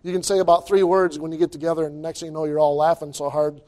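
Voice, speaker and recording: A man's voice: on the high side, flat delivery, fast, warm tone. A man preaching an informal sermon as a pastor, emphatic and folksy, repeating phrases and restarting his sentences. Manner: folksy, colloquial wording.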